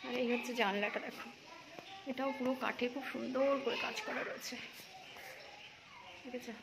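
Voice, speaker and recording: A woman's voice: fairly high pitch, steady tone, normal speed, gravelly. A woman vlogger with a Bengali accent, chatting casually to her viewers as she films around her home and a temple. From India. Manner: chatty, addresses viewers as friends; speaks softly inside the temple. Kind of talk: casual vlog narration. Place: temple and home, partly outdoors. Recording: noisy phone audio with ambient sound.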